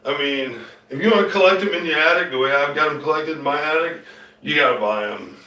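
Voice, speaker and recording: Speaking fast in a high-leaning, pushed, bright voice, a man with a light Southern accent chats loosely with viewers on his music and painting show. He keeps trailing off and restarting, sounding far from the mic in an echoey room with guitar music behind him.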